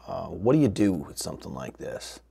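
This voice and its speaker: Deep, dark, and husky with vocal fry, the host of this radio restoration how-to is very animated and talks briskly. He explains the DIY work casually, tossing out rhetorical questions as he thinks aloud.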